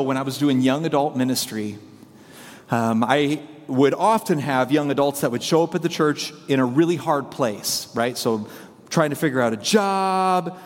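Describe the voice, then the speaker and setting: A man's voice: fairly high pitch, big-room sound. A man preaching a sermon as pastor, telling a story in a rambling, self-deprecating way.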